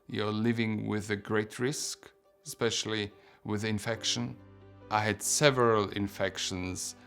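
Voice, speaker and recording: A middle-aged man with a Swiss German accent giving a personal testimonial in deliberate, non-native English, phrase by phrase. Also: on the low side, vocal fry, a bit bright. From Switzerland. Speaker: patient telling his story.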